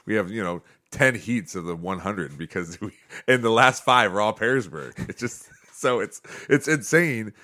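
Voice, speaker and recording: A low-voiced American man talks about coaching in a loose, rambling way, laughing as he goes. The sound is dry and close. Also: lively intonation, normal speed, pushed and bright, no room sound. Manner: chatty, rambling, laughs often. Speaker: football and track coach. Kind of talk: casual podcast conversation.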